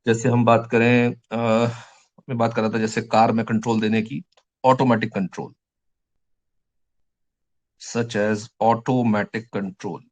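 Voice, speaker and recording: A male teacher with an Indian English accent giving a lecture, slowly dictating English phrases word by word between explanations. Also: medium pitch, level tone, muffled recording.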